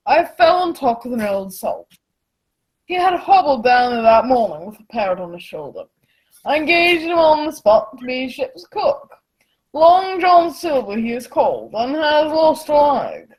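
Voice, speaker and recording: A woman playing an excitable, self-important gentleman squire in a radio play, pompous and blustering. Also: sits high, poor audio.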